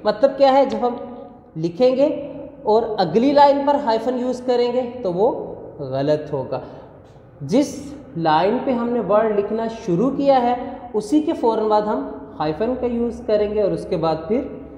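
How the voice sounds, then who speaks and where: A woman from Pakistan, teaching a grammar lesson online. She explains step by step, asks the class questions, answers them herself, and reads the English examples slowly and carefully. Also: a little high, animated, warm tone, dull audio. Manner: slow, careful reading of English example sentences. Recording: echoey room with long reverb.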